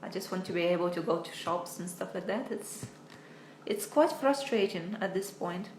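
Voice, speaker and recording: A young American woman streams a casual English lesson from home into her phone, her lowish voice expressive and darkish in tone at a moderate pace. She's chatty and hesitant, often laughing at herself in a self-deprecating way. The recording has roomy echo and slight background noise.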